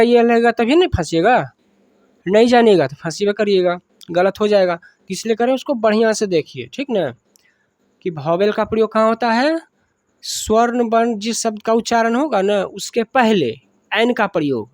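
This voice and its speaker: A woman's voice: mid-range voice, a little mellow, dry recording, studio quality. A woman with a Bihari accent teaching a grammar lesson, asking questions and answering them herself, repeating each point.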